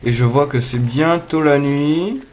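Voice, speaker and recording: A young man giving casual let's play commentary, excitable, swearing often, talking to his viewers, with loud startled outbursts. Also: a little high, a little slow. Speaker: gamer playing a survival game. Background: faint game music.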